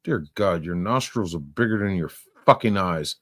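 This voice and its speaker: A man's voice: low-pitched, expressive, normal speed, a bit bright, dry recording, studio quality. A man giving crude, sarcastic reaction commentary, mocking and swearing as he talks.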